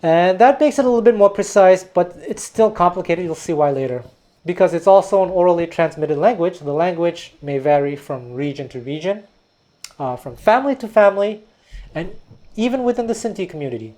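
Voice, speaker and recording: Animated and fairly quick, a man with a high-sitting, warm voice presents an educational history talk full of thoughtful digressions and restarted words. This music teacher and video host lives in Quebec, Canada, and his first language is Taiwanese.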